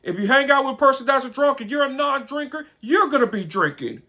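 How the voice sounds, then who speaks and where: A man's voice: extremely high pitch, expressive, quick pace, sharp tone. A man co-hosting a casual talk show, earnest and explaining things with everyday examples. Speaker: co-host. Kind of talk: casual conversational commentary.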